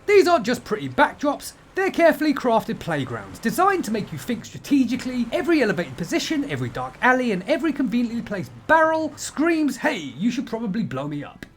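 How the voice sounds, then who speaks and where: A man hosting his channel, giving a scripted, sarcastic game review with punchy jokes. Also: extremely high pitch. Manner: sarcastic, punchy, jokey delivery. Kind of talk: scripted comedic review narration.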